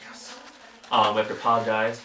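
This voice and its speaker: A man hosts a podcast interview with an eager, chatty delivery and frequent affirmations. His low voice sits back from the mic in an echoey room with faint background noise. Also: monotone, brisk, bright, forceful tone, recorded from a distance. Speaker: podcast host. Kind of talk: casual interview.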